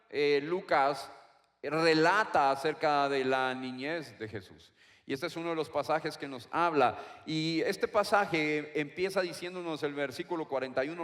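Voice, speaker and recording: High-voiced preacher in an echoing hall. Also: male voice, a bit bright. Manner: slow, emphatic repetition of key words. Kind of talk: sermon. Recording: long reverb of a large hall.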